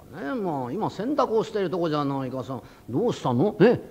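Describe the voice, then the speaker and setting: A male rakugo storyteller voicing a practical shopkeeper's wife who scolds her husband softly. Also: a little high, big pitch swings, a little fast, breathy edge, full character voice. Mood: chiding. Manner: soft, chiding, practical. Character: sensible, scolding middle-aged shopkeeper's wife. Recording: dull lo-fi old recording.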